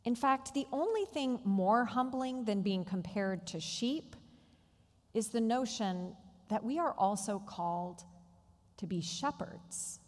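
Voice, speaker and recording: A woman pastor preaching a sermon with measured storytelling delivery. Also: on the high side, expressive, long reverb tail.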